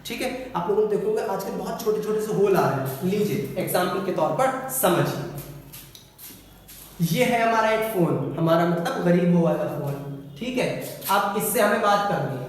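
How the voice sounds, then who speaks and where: A high-pitched male teacher explains a physics lesson playfully, asking his class questions and answering them himself. His voice sounds far from the mic in an echoey room with a long reverb tail. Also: lively intonation, normal speed. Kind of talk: classroom lesson with student-style replies.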